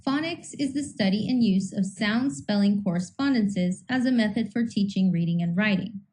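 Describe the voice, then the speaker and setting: Woman, scripted lesson narration, mellow tone, measured delivery, sounds out phonemes. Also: mid-range voice, poor audio. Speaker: instructor.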